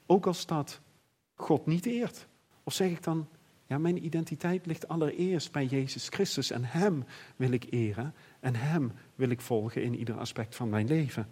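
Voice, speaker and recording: A middle-aged man preaching a sermon in an earnest, reflective way, often pausing and restarting. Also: fairly high pitch, mellow, husky.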